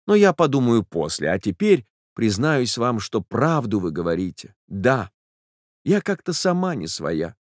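Excitable young woman done by a male reader, quick eager exclamations, close dry storybook reading. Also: medium pitch, no echo. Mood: excited. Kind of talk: audiobook character voice.

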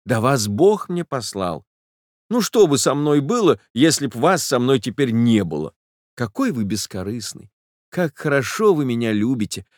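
An eager, tender young woman, as a male reader puts her on, who speaks quickly and breaks into exclamations. She comes across in a close, dry audiobook reading. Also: mid-range voice, very animated, no echo, lightly acted. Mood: excited. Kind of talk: audiobook character voice.

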